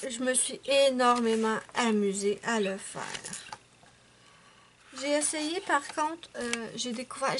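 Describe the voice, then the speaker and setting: A high-pitched woman with a Québécois accent talks in a loose, rambling way, often calling her viewers her friends. A clear, steady hiss of noise sits under the recording. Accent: Quebec French. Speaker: adult coloring channel host. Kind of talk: casual show-and-tell chat.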